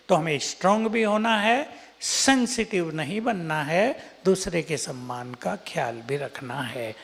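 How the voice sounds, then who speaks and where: A man speaking in a spiritual talk, giving measured advice. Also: high-pitched, gravelly. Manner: measured, advising. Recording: long hall reverb.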